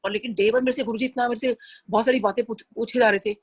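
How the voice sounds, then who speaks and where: A woman's voice: a little high, fairly even intonation, fast talker, breathy edge. A middle-aged woman telling a personal devotional story in a chatty, earnest way, often slipping into English phrases. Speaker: satsang devotee sharing a personal experience. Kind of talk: casual spoken testimony.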